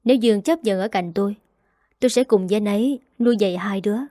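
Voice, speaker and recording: A woman's voice: medium pitch, quick pace, mellow, no room sound, studio quality, lightly acted. A woman voicing a jealous, determined young female rival in a storybook reading, speaking firmly and coldly. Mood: cool.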